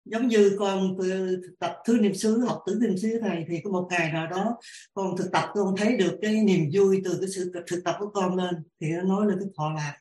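A woman, a lay practitioner asking her teacher questions, halting as she searches for words. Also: medium pitch, steady tone, dark tone. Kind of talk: dharma Q&A. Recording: roomy echo.

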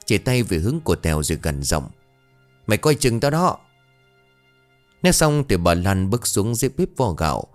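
A man. His delivery rises and falls in lively swings, and faint music plays underneath. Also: low-pitched. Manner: expressive storytelling. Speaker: storyteller. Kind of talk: ghost story narration.

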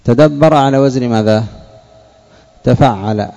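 Gravelly man teaching a slow lesson. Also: medium pitch, mellow. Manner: slow, deliberate, repeats key words for students. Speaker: sheikh teaching Arabic morphology. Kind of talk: classroom lesson with questions to students. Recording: dull lo-fi lesson recording.

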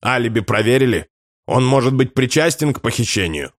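A man voicing a gruff, domineering police lieutenant colonel who barks threats and orders. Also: mid-range voice, lively intonation, brisk, no echo, clean studio sound, voice pushed up, lightly acted. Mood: angry, commanding.

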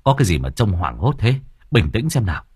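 A man's voice: fairly low pitch, big pitch swings, fairly quick, a little mellow, husky, no echo, studio quality, heavily acted. A man voicing a worried elderly village husband in an audiobook horror tale, stammering uneasily. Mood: uneasy.

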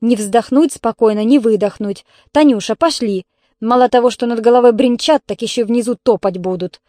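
A woman's voice: fairly high pitch, animated, moderate pace, mellow, dry recording, studio quality, lightly acted. A woman voicing an irritable, grumbling middle-aged mother. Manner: grumbling, exasperated.

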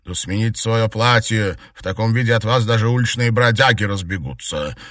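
A man reading aloud and voicing a sharp-tongued, grumbling female housemaid who scolds her mistress loudly. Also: fairly low pitch, a little fast, no room sound, studio quality, pitched above the performer's own voice, natural voice. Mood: scolding. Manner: scolding, sarcastic.

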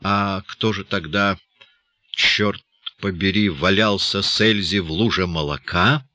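Audiobook guy doing an old village boss, slow, grumbly, kinda suspicious, swears a lot. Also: deep voice, bright, forceful tone, dry recording. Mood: puzzled. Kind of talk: audiobook reading.

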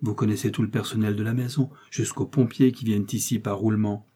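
A man reading aloud, voicing a calm, shrewd detective who questions precisely and insistently. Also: fairly low pitch, brisk, husky. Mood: patient. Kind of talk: audiobook reading.

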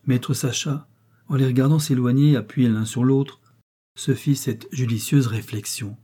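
Brief: male narrator for a period novel, dark and slightly breathy, steady pace. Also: mid-range voice, unhurried. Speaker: audiobook narrator.

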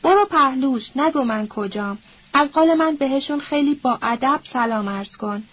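A woman's voice: sits high, lively intonation, husky, dry recording, dull audio. A woman voicing a bitter, scornful old nobleman who curses and quotes proverbs in a sneering, coarse, grumbling way.

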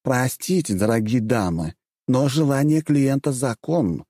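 A man's voice: medium pitch, a little slow, mellow, no room sound, studio quality, pitched above the performer's own voice. A man voicing a mincing, fussy male arena bookmaker with an affected, sing-song manner. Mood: sly, affected.

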